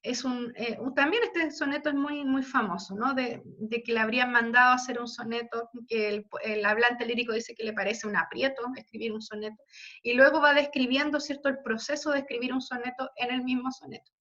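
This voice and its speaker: Woman teaching a poetry class, high bright voice, keeps asking "ya?", muffled lo-fi audio. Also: steady tone, brisk. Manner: explanatory, counts syllables aloud, frequent tag questions. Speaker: literature teacher. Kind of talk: online class lecture.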